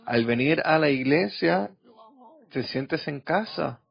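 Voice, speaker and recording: A man's voice: a little high, animated, slow pace, vocal fry, breathy edge. Middle-aged man preaching, lo-fi recording. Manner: storytelling, acting out quoted voices. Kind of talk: sermon with personal stories. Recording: dull lo-fi recording.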